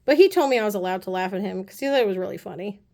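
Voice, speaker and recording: A woman casually chatting through a nail art haul, gushing and often dropping her voice to soft low asides. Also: lively intonation, very fast, vocal fry. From United States. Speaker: beauty vlogger. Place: apartment room.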